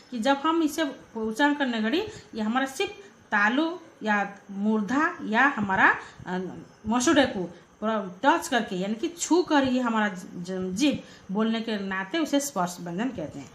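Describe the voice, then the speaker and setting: A woman teaching a school grammar class with an Indian accent, slowly sounding out letters and words and repeating them for pupils. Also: a little high, lively intonation, a bit bright. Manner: slow, drawn-out syllable-by-syllable demonstration.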